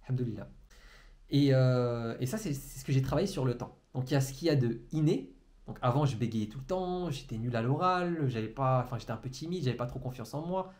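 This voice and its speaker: A man, an entrepreneurship trainer, giving a motivational talk to a camera in a room, talking very fast and stumbling and repeating words as he goes. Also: medium pitch, expressive, darkish tone. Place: room, indoors. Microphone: camera in front of him.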